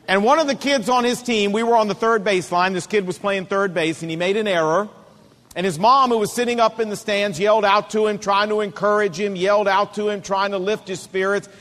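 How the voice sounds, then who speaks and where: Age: middle-aged. Sex: man. Role: preacher. Style: sermon, emphatic and repetitive, slowing for stress. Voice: high for a man. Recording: long hall reverb. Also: fairly bright tone. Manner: emphatic, repetitive cadence, slows down to stress points.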